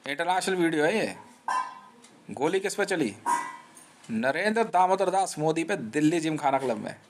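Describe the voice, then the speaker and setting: A man's voice: fairly high pitch, expressive, normal speed, a little hiss or hum. A man streaming live, rambling in a confrontational monologue, taunting listeners with slang and repeating himself. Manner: restless, repeats himself and restarts.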